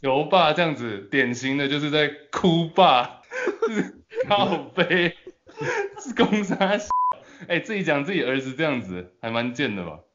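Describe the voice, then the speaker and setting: A male host with a Taiwanese Mandarin accent chats casually about sports. His pitch moves around a lot as he teases and breaks easily into laughter. The recording is a little muffled. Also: animated, a bit bright, slight background noise. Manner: jokey, teasing, quick to laugh.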